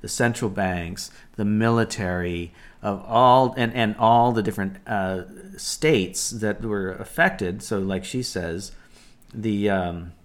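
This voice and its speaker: A man with a low voice co-hosts a casual talk show. He reads passages aloud, then talks them over haltingly, with many fillers and restarts. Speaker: co-host. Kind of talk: casual podcast chat, reading aloud.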